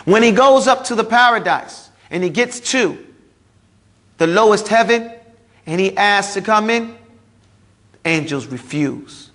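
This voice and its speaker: High-voiced man preaching a dramatic sermon. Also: expressive, unhurried, long pauses. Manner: dramatic storytelling, acts out cries and shouts; vivid, emphatic delivery with big pitch swings.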